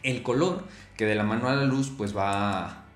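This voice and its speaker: A man's voice: on the low side, a little slow. A man hosting a casual solo podcast, talking loosely with many fillers and repeated words. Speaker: podcast host. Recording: echoey room, faint music.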